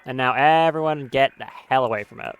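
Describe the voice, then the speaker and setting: A man's voice: mid-range voice, fairly quick, smooth, muffled recording, soft background music. A man giving casual live commentary on his gameplay stream, swearing often and talking nervously as he goes.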